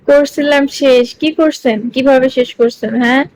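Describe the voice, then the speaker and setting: High-voiced, playful woman live-streaming. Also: fairly even intonation, slow, a little mellow, a little hiss or hum, poor audio. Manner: playful and teasing, coaxing viewers; giggly, laughs often between lines. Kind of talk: casual live-stream chat with viewers. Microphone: phone.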